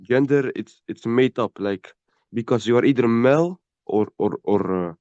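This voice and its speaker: In a heated online argument, a stranger with a warm, medium-pitched voice speaks haltingly, repeating himself and brushing others off bluntly. The recording is dry and dull.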